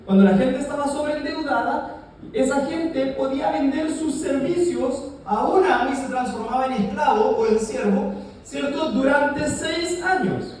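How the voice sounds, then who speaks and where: A man's voice: very high-pitched, measured pace, distant mic, a little hiss or hum. Man preaching in an echoey hall. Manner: lively, joking, asks the congregation to answer. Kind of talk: sermon. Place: large echoey church hall. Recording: very echoey hall, heard from afar.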